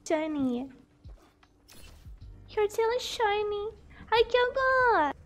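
A woman's voice: very high-pitched, big pitch swings, slow, fairly bright tone, faint music behind. A woman streaming a game and chatting with viewers while sick with a cough. She giggles often, greets viewers and yelps during fights. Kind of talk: casual gaming stream chat.

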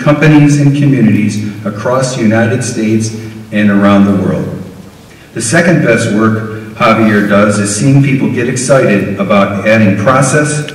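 A middle-aged man giving a formal prepared speech at a podium, measured as he reads, introducing the keynote speaker. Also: mid-range voice. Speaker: school district official introducing the speaker. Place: large auditorium stage. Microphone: podium microphone heard from afar. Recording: echoey hall recorded from far off.

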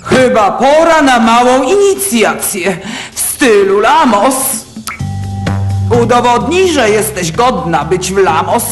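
A woman's voice: fairly high pitch, sing-song, slow. A woman voicing a suspicious, bullying henchwoman in a cartoon dub. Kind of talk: animated cartoon dub acting. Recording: echoey room, clear music bed.

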